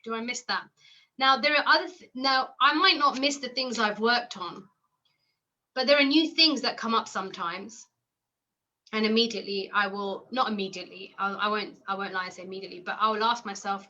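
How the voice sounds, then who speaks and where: A woman talks in a personal interview, thinking aloud and circling back with fillers and restarts. Her voice is bright and clear, carried on a slightly dull, lo-fi recording. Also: on the high side. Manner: reflective, halting with many fillers and restarts. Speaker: interview guest.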